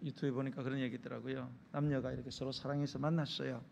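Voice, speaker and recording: A man's voice: mid-range voice, level tone, rapid-fire, gravelly, a little mellow, slight background noise. A man preaching a sermon as pastor, asking the congregation questions and acting out short dialogues in character voices. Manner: asks the congregation rhetorical questions. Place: church sanctuary.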